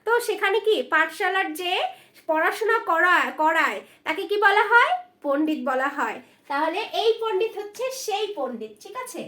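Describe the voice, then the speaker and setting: A woman's voice: very high voice, expressive, normal speed, pushed and bright, roomy sound. A woman teaching a spelling lesson online, spelling out words and asking the class questions over and over. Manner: asks the class questions, repeats words, says "ঠিক আছে?" again and again.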